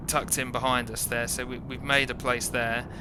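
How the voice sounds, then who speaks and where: A British man narrates footage of his own kart race in an informal first-person voice, wry and self-deprecating. He speaks at a normal speed with little pitch movement, and a clear engine rumble sits behind him.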